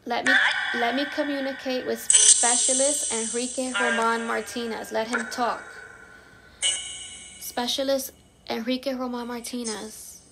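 Flat-toned woman over loud noise. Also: a little high. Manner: deliberate, repeats questions. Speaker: host of spirit box sessions. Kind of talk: solemn questioning to a spirit. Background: loud noise with clicks.

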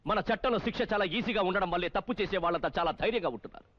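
A man's voice: high voice, racing, highs cut off, close to an everyday voice. An actor playing a defiant male police officer in a dubbed film, speaking with impassioned righteousness.

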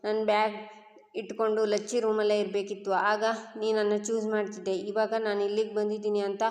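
A stubborn young woman pleads like a child, voiced by a woman narrator. Her pitch stays flat and narrow. An echoing room with long reverb surrounds the voice. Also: a little fast, close to an everyday voice.

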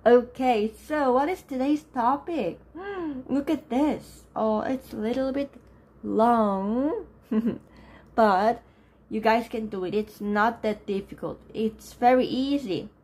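A young woman hosts a live language class from her desk, pitched a little high but rough and low this morning because she just woke up. She keeps up a chatty running talk with the viewers, greeting them by name and laughing easily. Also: slow, darkish tone. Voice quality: lower, rough voice from just waking up. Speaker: Korean language teacher. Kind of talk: live-streamed lesson with chat.

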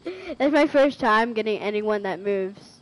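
A woman streaming an online shooter, chatting casually and shrieking with excitement during fights. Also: mid-range voice, a little slow. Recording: noisy home stream audio.

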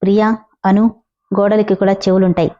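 A woman voicing a confident, scheming young man who talks in a calm, teasing way. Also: mid-range voice, fairly quick, muffled recording, natural voice. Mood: cocky. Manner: calm, teasing, self-assured.

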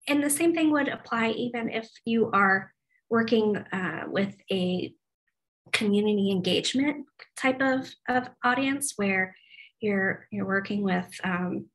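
Heard through a laptop mic on a video call, a woman in her forties presents web development in a staff training; the recording is rough. Her voice has a medium pitch and a slightly bright quality. She chats casually, frequently using um and restarting.

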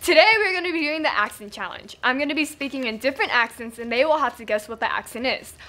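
A woman's voice: sits high, lively intonation, fast, sharp tone. A teenage girl hosting a casual school video segment, giggly and playful as she tries out silly accents. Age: teens. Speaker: student segment host.

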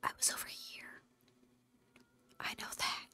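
This is live gameplay stream commentary from a woman who whispers in an ASMR style while moaning theatrically and self-pityingly about how she suffers. She speaks unhurriedly, in a sharp tone.

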